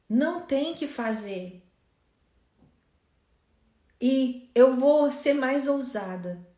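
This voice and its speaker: A woman's voice: fairly high pitch, warm tone, roomy sound. A woman preaching a sermon to mothers, telling family stories in an earnest way. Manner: earnest storytelling, voicing family members in quotes. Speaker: preacher at a mothers' prayer meeting.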